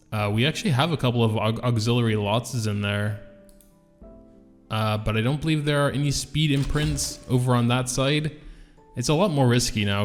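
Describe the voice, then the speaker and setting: A man chats casually and thinks aloud as he plays, in a mid-range voice. His words ring out with a long, big hall reverb, like a bare, echoing room. Faint game music sits quietly behind him. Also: mid-range voice. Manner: relaxed, thinking aloud, chatty. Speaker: gaming channel host. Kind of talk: casual gameplay commentary.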